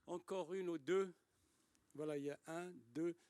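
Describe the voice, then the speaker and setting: Male conference speaker, informal delivery, fairly high pitch, dry sound. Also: fairly even intonation, moderate pace, darkish tone, clear, resonant tone, dry recording. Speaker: conference speaker handing over the floor. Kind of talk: informal spoken aside.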